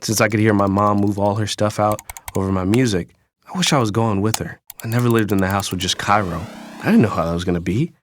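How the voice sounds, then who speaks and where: Voicing a disgruntled young son from a troubled rich family, a young man narrates this audio drama in a weary, reflective first person. He talks quickly in his natural, lowish voice, slangy and conversational, with a slight hiss or hum in the background.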